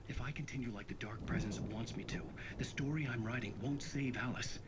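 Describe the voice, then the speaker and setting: An actor voicing a haunted male writer hero, giving measured inner-monologue narration in a video game. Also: medium pitch, very noisy, close to an everyday voice. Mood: grim resolve.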